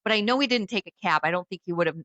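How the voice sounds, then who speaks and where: Woman, casual storytelling, animated, bright crisp voice, close dry sound. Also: mid-range voice, racing, no echo, dull audio. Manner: animated, acts out quoted voices.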